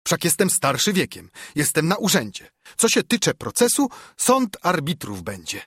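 A man's voice: on the high side, huge pitch swings, moderate pace, fairly bright tone, breathy edge, no room sound, clean studio sound, voice pushed up, heavily acted. A man voicing a proud older nobleman judge in a dignified audiobook verse reading. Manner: dignified, declaiming.

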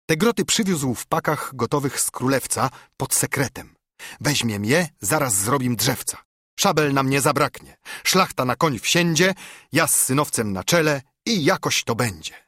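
A man's voice: medium pitch, animated, moderate pace, a bit bright, breathy edge, dry recording, studio quality, pitched above the performer's own voice. A man voicing a proud older nobleman judge in a dignified audiobook verse reading. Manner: dignified, declaiming.

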